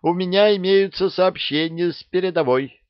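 A man doing a squeaky, shrill young lieutenant. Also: moderate pace, smooth, dry recording, natural voice. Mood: shrill insistent. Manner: insistent, barking orders. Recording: dull dry recording.

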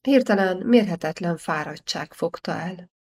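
A woman reading a historical novel aloud as an audiobook narrator, measured and steady. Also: on the low side. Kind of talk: scripted narration.

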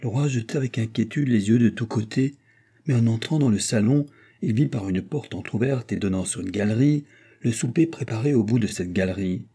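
A man reading a classic novel aloud as a narrator, with measured, even storytelling. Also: medium pitch, breathy edge. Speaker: audiobook narrator. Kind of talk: scripted narration.

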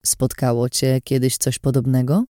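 A woman voicing a young man, a worried friend who speaks quietly and calmly. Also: rumbling low, normal speed, dry recording, clean studio sound. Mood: concerned. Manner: quiet, calm, concerned.

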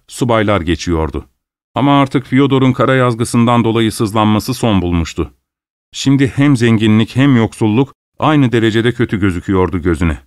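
A man narrating a classic short story in a steady, even reading. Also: fairly low pitch, dry recording, studio quality. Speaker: reader.

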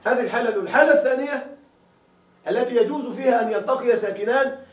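A man's voice: very high-pitched, racing. A man teaching Arabic grammar to a class, often checking that his students follow and repeating key words as questions for them to answer. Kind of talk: classroom lecture. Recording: roomy classroom audio from a distant mic.

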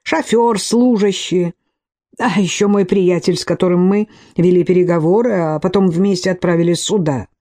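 A woman's voice: lowish voice, moderate pace, warm tone, natural voice. Woman doing a sneering, defiant young man. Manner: defiant, hissing.

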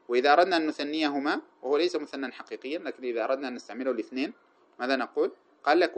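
A man lectures briskly on a grammar text, moving at a quick clip in a mid-range voice. He keeps asking questions and answering them himself, and breaks into recited verse lines and Quran passages. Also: mid-range voice. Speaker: grammar teacher. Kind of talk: classroom explanation of a grammar text.

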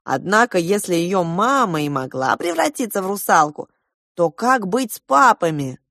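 A woman's voice: lowish voice, very animated, moderate pace, gravelly, fairly bright tone, dry recording, clean studio sound, full character voice. A woman reading an audiobook and voicing an earnest, hopeful man.

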